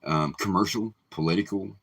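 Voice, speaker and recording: A man's voice: sits low, moderate pace, creaky, fairly bright tone, a little hiss or hum. A middle-aged man giving casual, rambling commentary to the camera, full of ums and restarts. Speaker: vlogger.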